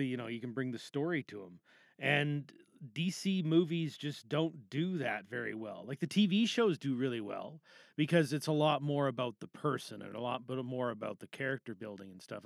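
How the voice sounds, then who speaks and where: A man with a mid-range voice chats informally as a podcast host, giving feedback to other podcasters and offering views on films. He rambles, frequently trailing off or rephrasing mid-sentence, and the recording is dry with clean studio sound.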